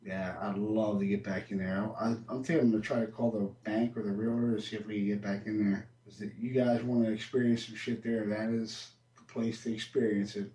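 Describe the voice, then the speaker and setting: A man's voice: on the low side, level tone, fairly quick, hardly any pauses, mellow. A man hosting a podcast in casual chat, telling stories animatedly and acting out what he said. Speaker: podcast host. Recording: roomy echo.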